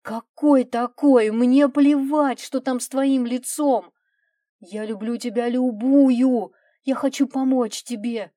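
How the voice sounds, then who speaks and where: A woman's voice: mid-range voice, a little slow, dark tone, dry recording, clean studio sound, lightly acted. A woman voicing a loving husband who begs his wife to open the door, urgent and emotional. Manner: urgent pleading. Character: loving husband, pleading and determined.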